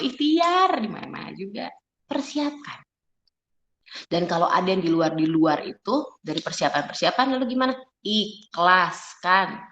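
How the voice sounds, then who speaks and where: A middle-aged woman, giving a lively public speaking seminar and asking her audience one rhetorical question after another. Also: mid-range voice. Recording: roomy, muffled hall recording.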